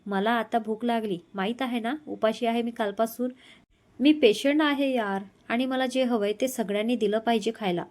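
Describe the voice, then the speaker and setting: A woman's voice: fairly high pitch, fairly even intonation, normal speed, a little mellow, natural voice. A woman voicing a young wife who fusses over her husband and teases him back, read in her own voice as part of a storybook reading. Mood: playful. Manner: pleading, playful. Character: young wife, worried and playful.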